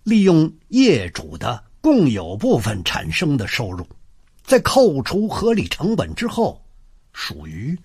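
A man's voice: mid-range voice, wildly swooping pitch, measured pace, a little mellow, slightly rough, heavily acted. A folksy old man. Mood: excited. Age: older. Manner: folksy, chuckling, storytelling. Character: retired chatty old man, neighborhood law volunteer. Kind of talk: radio drama acting.

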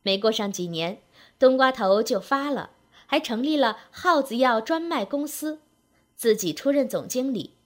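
A woman with a fairly high voice performs a comic story aloud. Her narration is wry and lively, and she leans into rhythmic, patterned phrases. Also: normal speed.

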